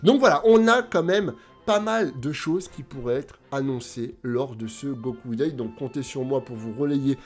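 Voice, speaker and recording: A man's voice: mid-range voice, normal speed, faint music behind. A man hosting his own video channel, chatting casually and animatedly straight to his viewers. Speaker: YouTube host.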